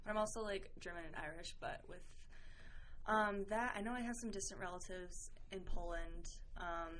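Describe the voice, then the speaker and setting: A teenage girl hosting a student podcast in casual chat, rambling with lots of fillers and often trailing off softly. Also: on the low side, moderate pace, slight background noise, poor audio. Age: teens.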